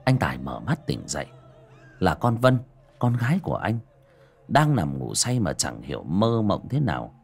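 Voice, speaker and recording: A man's voice: low voice, sing-song, moderate pace, vocal fry, faint music behind. A man narrating a spooky story as an audiobook, dramatic and building suspense.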